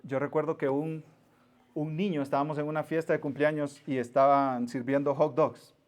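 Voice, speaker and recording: A middle-aged man preaching, his voice sitting a little high for a man. He tells stories vividly, acting out the people in them. Then he drops to a near-whisper to press a point home. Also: moderate pace. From Mexico. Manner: animated storyteller, acts out voices, drops to near-whisper for emphasis. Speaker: pastor. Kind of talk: sermon.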